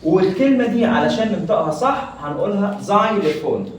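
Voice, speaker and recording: A man with an Egyptian Arabic accent teaching English letter sounds, saying each sound slowly and repeating it twice. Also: fairly high pitch, lively intonation, darkish tone, far from the mic, a little hiss or hum. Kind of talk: phonics lesson. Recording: very echoey room, away from mic.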